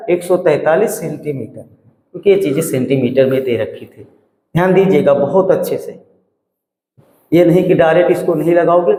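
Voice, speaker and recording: A fairly high-voiced male maths teacher works through a problem step by step, asking questions and answering them himself. His voice bounces around a bare room with a long, ringing reverb. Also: darkish tone. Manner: asks and answers his own questions, repeats numbers. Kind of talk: classroom maths lesson.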